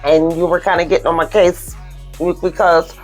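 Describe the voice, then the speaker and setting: Woman, podcast co-host, low voice, easygoing, plain-spoken, faint background music. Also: little pitch movement, normal speed, a little mellow. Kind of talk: casual chat.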